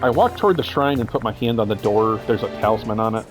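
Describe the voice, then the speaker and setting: A man's voice: lowish voice, lively intonation, fast, music in the background. A young man casually playing a horror game, reading its text aloud and joking with slang between lines. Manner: casual, joking, says "dude" and "bro". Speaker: gameplay streamer.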